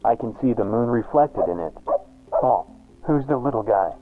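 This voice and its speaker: A man voicing a haunted, weary woman survivor in a deep voice, with a flat, resigned delivery. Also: moderate pace, close to an everyday voice. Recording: tinny lo-fi tape with music.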